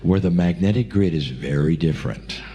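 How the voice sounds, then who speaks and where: A man's voice: low voice, lively intonation, moderate pace, warm tone. A man answering questions in a reflective, conversational, storytelling way. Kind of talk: casual chat.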